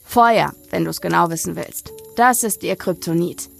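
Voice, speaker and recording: A woman's voice: lowish voice, a little slow, creaky, a bit bright, soft background music, full character voice. A woman voicing a young man who teases his friend in a dismissive, joking way. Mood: teasing.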